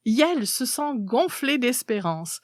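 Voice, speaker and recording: A woman narrates a literary story in an expressive reading style. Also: fairly high pitch, takes it slowly, no echo, clean studio sound.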